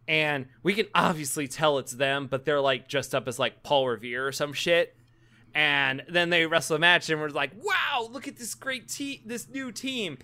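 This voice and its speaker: Joking, bright-voiced man. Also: fairly high pitch. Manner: rambling, joking, laughs often, swears. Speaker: podcast co-host. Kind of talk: casual comedic chat.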